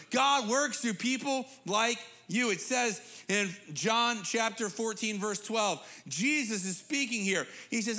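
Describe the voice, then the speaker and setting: A man in his thirties, a pastor preaching a sermon on a church stage into a handheld mic, animated and conversational. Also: high-pitched, gravelly. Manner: animated, gesturing while preaching; conversational, repeats words when restarting. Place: church stage with big screen.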